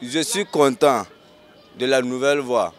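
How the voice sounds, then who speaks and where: Measured resident, street noise. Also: male voice, mid-range voice, a faint crowd.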